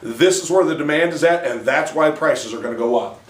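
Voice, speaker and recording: A man's voice: a little high, a little fast. A man presenting a monthly real estate market update as a company president, folksy and emphatic, speaking straight to buyers. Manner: folksy and emphatic, joking between figures; walks through slides and addresses buyers directly. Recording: echoey room, mic at a distance.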